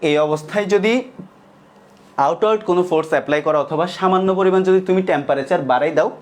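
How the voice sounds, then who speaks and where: A young man teaching an online class, speaking slowly and repeating each line so students can copy it, often asking a question and answering it himself. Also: on the high side. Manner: slow dictation, repeating lines and asking then answering his own questions.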